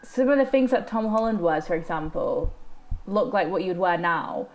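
Animated chatty young woman. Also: on the low side, moderate pace, poor audio. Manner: chatty, hesitant, many fillers, laughs often. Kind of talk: casual chat about films.

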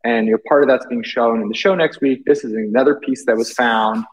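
A man's voice: medium pitch, fairly even intonation, fairly quick, breathy edge, rough recording. A British man, an artist guest, talking casually and hesitantly with many fillers and restarts. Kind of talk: casual interview chat.

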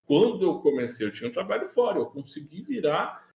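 A man's voice: a little high, big pitch swings, fairly quick, creaky, a little mellow, reverberant, a little hiss or hum. A Brazilian man, a streamer guest, chatting casually at home with slangy talk and hesitant fillers. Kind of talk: casual chat.

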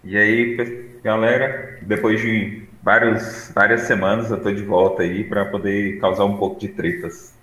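A man's voice: lowish voice, little pitch movement, measured pace, hardly any pauses, fairly bright tone. A man with a Brazilian accent talking casually as a podcast panelist, recorded with a roomy echo. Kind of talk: casual discussion. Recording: roomy, echoing sound.

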